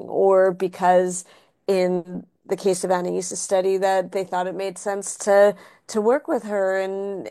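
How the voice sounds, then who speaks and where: A woman's voice: mid-range voice, vocal fry, warm tone. A woman researcher on a panel, agreeable and a bit hesitant, restarting phrases. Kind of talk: panel discussion.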